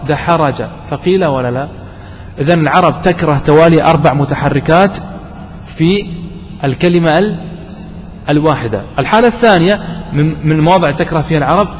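A man teaching a grammar lesson, quizzing his students and slowing down to stress key terms. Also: fairly high pitch. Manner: asks students questions and answers them himself. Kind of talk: classroom lesson. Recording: distant voice with long reverb and faint noise.

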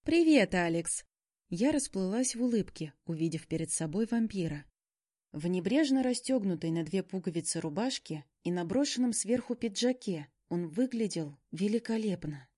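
A woman narrating a first-person story, giving the heroine a lively, heated delivery. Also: medium pitch, normal speed, slightly rough, no echo, clean studio sound.

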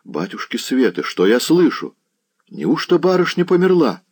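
A man's voice: mid-range voice, very animated, normal speed. A man doing a flustered young servant lad. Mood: bewildered. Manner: rustic, exclaiming, pleading. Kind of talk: audiobook character voice.

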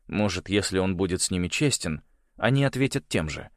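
A man reading a novel aloud in expressive scripted narration. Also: low voice, fairly quick, no room sound, studio quality. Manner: expressive storytelling. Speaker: audiobook narrator.

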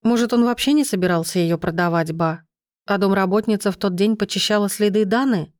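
A woman's voice: mid-range voice, fairly quick, a little mellow, no echo, clean studio sound, natural voice. A woman reading the lines of an earnest, pregnant young woman in an audiobook. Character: pregnant young woman, worried but resolute.

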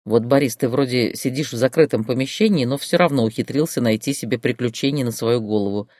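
A reader voicing a stern, commanding male boss who barks orders slowly and firmly. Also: mid-range voice, darkish tone, dry recording, clean studio sound, lightly acted. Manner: slow, barking orders.

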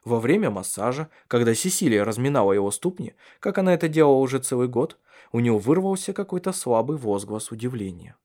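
Male audiobook narrator, measured delivery, animated intonation. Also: mid-range voice. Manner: measured storytelling. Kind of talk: scripted literary narration.

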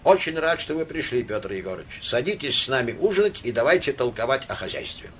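A man's voice: medium pitch, big pitch swings, brisk, a bit bright, slightly rough. A man voicing a tipsy, sentimental young count who rambles and wheedles in his drunk talk. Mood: affable.

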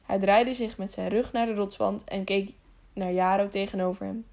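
A woman narrating an adventure audiobook in a steady storytelling voice. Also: medium pitch, moderate pace. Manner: even storytelling with small slips and restarts. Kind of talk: scripted narration.

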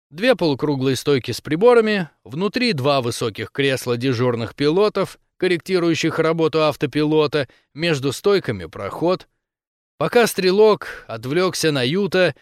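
A man reads first-person science fiction narration in an even, steady way. His voice sits a little high, and the recording is close and dry with no room sound. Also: no echo. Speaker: audiobook narrator.

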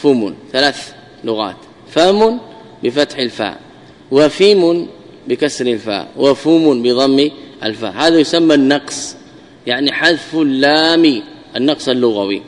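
An Islamic scholar teaches a classical Arabic grammar lesson in a medium-pitched male voice with a long reverb tail. He often repeats key words and answers his own questions.

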